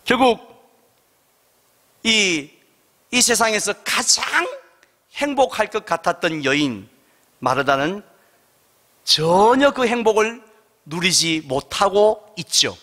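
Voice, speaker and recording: A male pastor preaches with lively storytelling and rhetorical questions. His voice sits high and bright and swings widely in pitch. Long reverb from the church hall follows his words. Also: slow, pauses often. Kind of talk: sermon. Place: church sanctuary.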